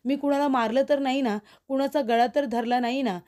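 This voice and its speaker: A woman's voice: high-pitched, fairly even intonation, a little fast, darkish tone, lightly acted. A woman voicing a scared, confused young woman who keeps asking what happened, in a retold TV serial. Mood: frightened. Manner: anxious questioning.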